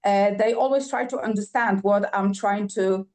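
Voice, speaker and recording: In a mid-range, darkish voice, a woman from Poland talks as a singer-songwriter guest in a podcast interview. She is a native Polish speaker whose enthusiastic answers come out halting, riddled with fillers, repeats and restarts.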